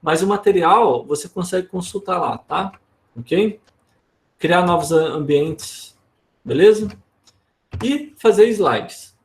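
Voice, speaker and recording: Brazilian guy teaching a workshop online, kinda high voice, gravelly, keeps asking ok? tá?. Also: animated, slow, pauses often. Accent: Brazilian Portuguese. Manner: casual, explanatory, frequent tag questions. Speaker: instructor.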